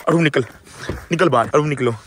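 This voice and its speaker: High-pitched, fast-talking excitable man. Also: background noise. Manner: dramatic, excitable, yelling and pleading. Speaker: vlogger host. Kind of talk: casual vlog chat.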